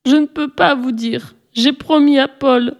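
A woman's voice: high voice, fairly even intonation, measured pace, voice pushed up. A woman doing a remorseful little girl. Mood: pleading. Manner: pleading, earnest.

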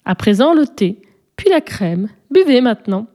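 A proud, mischievous little girl from a storybook, drawing out her words with delight, voiced by a woman reader. The voice sits a touch higher than usual. It keeps a mellow, rounded tone. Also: big pitch swings, moderate pace. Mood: bossy.

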